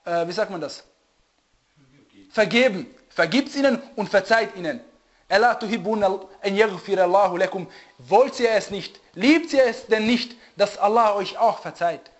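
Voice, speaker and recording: A high-pitched man, a religious teacher, gives a lecture on a dull lo-fi recording. He often pauses to search for German words and asks his listeners to confirm they are following.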